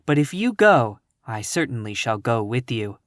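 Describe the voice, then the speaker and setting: A reader voicing a gentle, sincere man made of tin. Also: mid-range voice, very animated, normal speed, dry recording, studio quality, natural voice.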